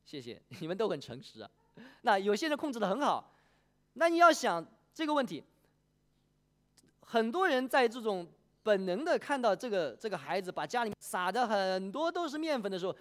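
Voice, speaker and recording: A preacher gives a sermon in a mid-range voice that rises and falls widely. The delivery is animated. The speaker often puts questions to the congregation and asks for a show of hands. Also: mid-range voice, moderate pace.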